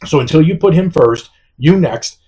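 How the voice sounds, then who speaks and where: A man hosting a candid, casual conversation. He talks in a halting way, with many restarts and fillers, and calls himself sarcastic. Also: a little high, expressive, warm tone, slightly rough. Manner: self-described sarcastic. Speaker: podcast host.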